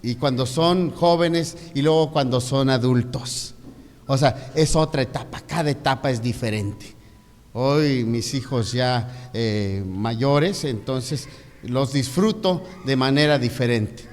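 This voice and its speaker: A man's voice: mid-range voice, slow pace, darkish tone, big-room sound. A middle-aged man preaching a sermon in a chatty way, full of restarts and tag questions. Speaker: pastor.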